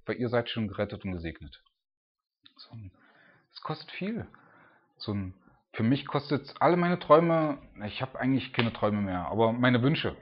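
A man's voice: fairly low pitch, dull audio. A man preaching in a loose, chatty way, full of filler words. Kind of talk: casual preaching.

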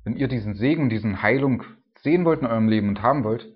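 A man preaching a sermon in a conversational way, often tagging his sentences with a questioning "ne?", swinging between emphatic rises and hushed drops. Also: mid-range voice, fast, husky, muffled recording. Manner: conversational, frequent tag "ne?".

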